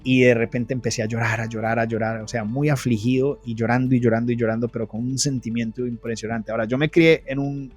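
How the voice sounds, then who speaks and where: A man's voice: medium pitch, fairly even intonation, quick pace, few pauses, a little mellow, soft background music. Man telling his testimony. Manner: earnest storytelling, frequent restarts. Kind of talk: personal testimony in an interview.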